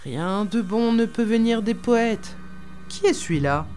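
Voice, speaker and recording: A woman voicing a plump old royal counselor, fretful and prone to shrill exclamations, in an audiobook reading. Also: lively intonation, measured pace, darkish tone, faint music behind. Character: fat old royal counselor, fussy and panicky. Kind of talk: audiobook character voice.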